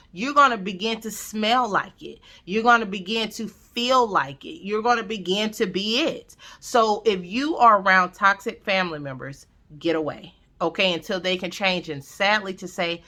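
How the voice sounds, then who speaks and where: A woman from the Southern United States, speaking with a country lilt in a pushed, bright, medium-pitched voice, is a vlogger giving family advice. She addresses viewers directly, casually and emphatically, repeating phrases for stress and checking in with her listeners.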